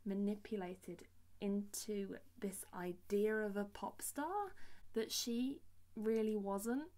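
A woman's voice: medium pitch, slow pace. Exasperated young woman ranting. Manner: animated and exasperated, voice leaping up on outbursts. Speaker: singer-songwriter vlogger. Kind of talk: ranting vlog monologue.

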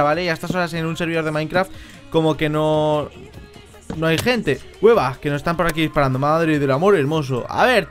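Casting: joking Spanish man from Spain, high voice, gaming commentary into a headset, faint music under it. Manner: chatty, joking, bursts into shouts. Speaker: Minecraft gameplay YouTuber. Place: at home.

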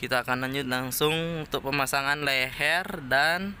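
A man's voice: mid-range voice, normal speed, pushed and bright, a little hiss or hum. A man hosting a casual kite-making vlog, chatty and often calling viewers boss. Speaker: kite maker and channel host. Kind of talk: casual tutorial vlog narration.

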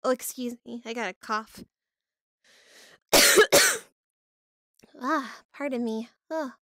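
A woman's voice: on the high side, slow pace, pushed and bright, dry recording, clean studio sound. Playful woman streamer with dramatic outbursts. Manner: playful, with mock-dramatic outbursts and frequent laughter. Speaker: livestream host. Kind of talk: casual live-stream chat. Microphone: VR headset.

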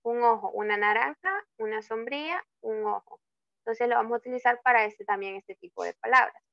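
A woman's voice: a little high, vocal fry, dry recording, highs cut off. A woman tutor teaching English grammar over an online class, drawing out example words and often checking with "¿ok?". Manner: slow, drawn-out example words, frequent checking "¿ok?". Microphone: video call.

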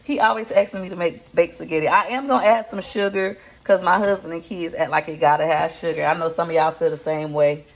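A woman with a lowish, steady voice talks a little fast and barely pauses as she films a casual home cooking video in her kitchen. Stirring a pot, this cooking vlogger chats folksily with her viewers as Peach Patch.

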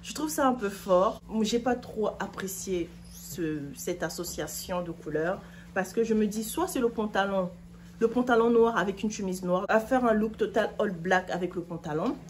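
Here a fashion vlogger in her thirties, seated on a living room couch, gives her viewers a talkative, opinionated take on an outfit. Her voice is mid-range and moderately paced, and there's slight background noise.

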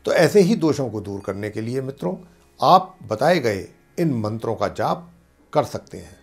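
A man, an astrologer and pandit, calmly explaining planetary mantras and slowly chanting them. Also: mid-range voice, slightly rough. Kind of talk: devotional teaching talk.

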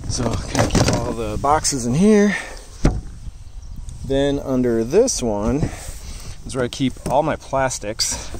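A man's voice: medium pitch, slow, noisy background. Man rambling through a casual boat tour. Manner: relaxed, rambling, many fillers. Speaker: channel host giving a boat tour. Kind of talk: casual walkthrough vlog. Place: outdoors on a boat on land.

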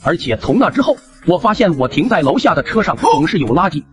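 A man's voice: fairly high pitch, sing-song, fast. A young man narrating his own comic cartoon story in a chatty, wry way.

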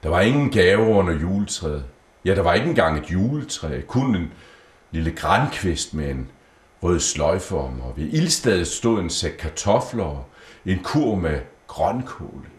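A man reading a children's Christmas story aloud in a gentle, storybook way. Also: deep voice, big pitch swings. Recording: roomy echo.

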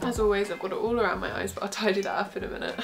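A young woman with a cold chats her way through a makeup tutorial in her small bedroom, close to the camera in front of her. Her congested, bunged-up voice is medium-pitched and rapid-fire with vocal fry, relaxed and full of giggly asides. Loud music plays behind her voice.

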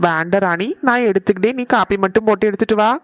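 A woman voicing a calm cartoon dad. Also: mid-range voice, fast, no room sound, lo-fi sound, lightly acted. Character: easygoing family father.

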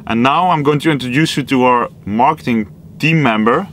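Young male vlog host, casual and relaxed, mid-pitched, some halting restarts. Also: a little hiss or hum. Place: outdoors on an office campus, then a small office booth.

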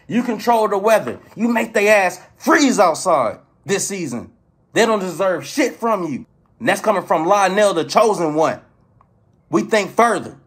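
Excitable man vlogger, husky and high-pitched, preaches and swears at viewers. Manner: profane, preachy, addresses viewers directly; excitable, jumps between loud outbursts and low murmurs. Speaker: spiritual motivational vlogger. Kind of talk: casual motivational rant.

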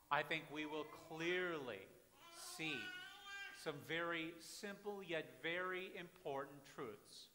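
A pastor, preaching a dramatic sermon that swings from hushed to loud, recorded from the back of a church. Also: male voice, on the high side. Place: church sanctuary with congregation. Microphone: far camera at back of church. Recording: reverberant church from far off.

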